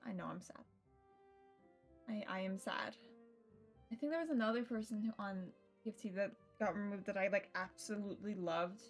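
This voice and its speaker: A young adult woman livestreamer with a medium-pitched voice chats casually to her viewers while setting up a game, swearing freely. She's indoors at her home computer setup, using a streaming mic with a noise gate.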